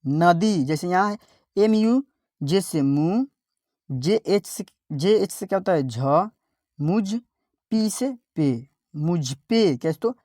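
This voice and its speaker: A woman teacher, giving an online spelling lesson, sounding out letters slowly and repeating each word. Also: lowish voice, animated, warm tone, no echo, studio quality.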